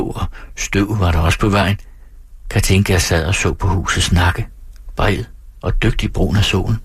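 Casting: male audiobook narrator, deep husky voice, measured storytelling, dry close sound. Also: dry recording. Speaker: audiobook reader. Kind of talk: scripted literary narration.

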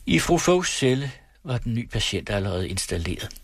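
A man narrating a novel as an audiobook in a steady, measured reading. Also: medium pitch, slightly rough.

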